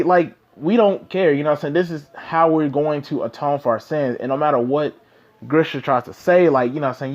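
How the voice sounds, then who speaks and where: Reviewing a manga chapter, a man talks loosely and conversationally, packing in fillers and repeatedly asking "you know what I'm saying." His voice is fairly high with a darkish tone, and the sound is lo-fi.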